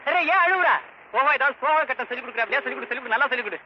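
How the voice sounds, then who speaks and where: A man's voice: very high-pitched, animated, racing, a little hiss or hum. An actor playing a blustering, demanding older father of a young actress. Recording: muffled old film soundtrack.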